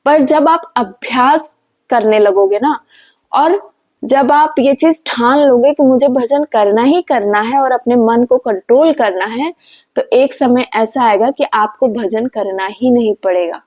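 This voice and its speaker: Woman, spiritual speaker, earnest and instructive, slightly high voice. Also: measured pace, darkish tone. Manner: earnest, instructive, asks rhetorical questions. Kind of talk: devotional motivational talk.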